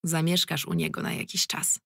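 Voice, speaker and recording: Lady reading a worn-out gruff cop boss, firm and fatherly, husky and dry. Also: deep voice, very animated, moderate pace, bright, forceful tone, dry recording, heavily acted. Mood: firm, weary. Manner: firm, tired and plain-spoken. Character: weary middle-aged male police commander, gruff but fatherly.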